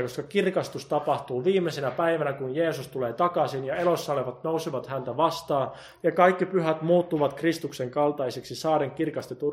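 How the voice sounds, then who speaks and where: A man preaching with a voice pitched a little above most men's. He swings from loud, pressing emphasis to hushed, intense appeals. He voices God's words in the first person as he goes. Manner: quotes God in first person. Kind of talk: sermon.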